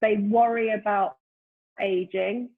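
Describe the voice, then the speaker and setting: A woman's voice: mid-range voice, steady tone, slow pace. A woman in her fifties, a guest in a casual interview, talks thoughtfully and often searches for words with "you know.". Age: 50s. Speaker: guest, brand founder. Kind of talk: reflective casual conversation. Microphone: remote call during lockdown. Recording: tinny phone-like call line.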